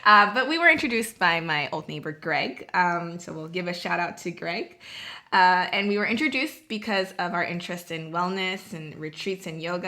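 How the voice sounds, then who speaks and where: A woman's voice: lowish voice, pushed and bright. A woman in her thirties hosting an interview podcast, chatty and friendly with frequent fillers. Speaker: podcast host.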